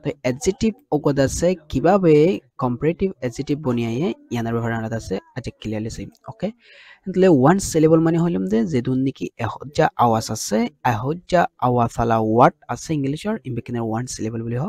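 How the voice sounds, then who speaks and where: Gravelly-voiced man teaching English grammar. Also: medium pitch, expressive, quick pace, a little mellow, no room sound. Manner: explains step by step, often checks understanding. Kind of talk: lesson in a regional dialect mixing English terms.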